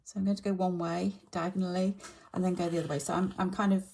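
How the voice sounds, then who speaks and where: A middle-aged woman with a slightly croaky voice, casually chatting with many fillers while she stitches. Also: lowish voice, level tone, quick pace, darkish tone, a little hiss or hum. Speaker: stitching vlogger.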